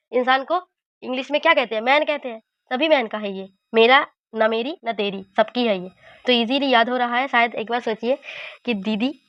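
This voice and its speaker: A woman teacher walks through memory tricks with patient, repetitive coaching. Her voice sits a little high. The sound is dry and slightly muffled, with no room around it. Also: no room sound.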